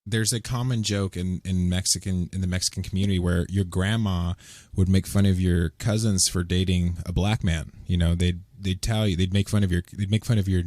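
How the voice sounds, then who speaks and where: A young man from California hosts a podcast in a relaxed, easygoing way, often chiming in to agree. His voice is very low. The recording is dry and close, with no room echo. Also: brisk. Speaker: podcast host. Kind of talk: casual chat.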